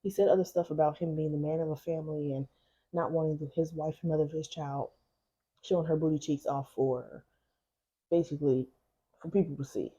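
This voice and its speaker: Husky, dark-voiced woman chatting quietly. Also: low-pitched, fairly even intonation, brisk, muffled recording. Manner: talking quietly late at night. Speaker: podcast co-host. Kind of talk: casual chat. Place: home, at night. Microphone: podcast mics.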